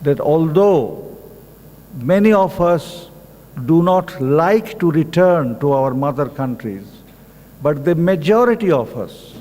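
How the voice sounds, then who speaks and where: An older man from Bangladesh with a Bangladeshi English accent, giving a formal academic address at a conference in a slow, halting, deliberate way. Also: fairly high pitch, mellow. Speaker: conference speaker. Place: conference hall. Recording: echoey hall with faint background noise.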